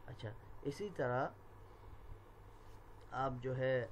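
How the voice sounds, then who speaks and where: A male language teacher who says each Arabic word slowly and clearly, repeats every phrase twice, and explains in quick asides. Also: mid-range voice, steady tone, a little hiss or hum. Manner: pronounces Arabic words slowly and deliberately, then explains quickly. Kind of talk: language lesson.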